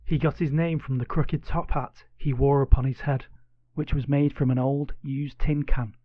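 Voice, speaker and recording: A man narrating a children's audiobook with expressive, playful storytelling. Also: medium pitch, moderate pace, no room sound, lo-fi sound.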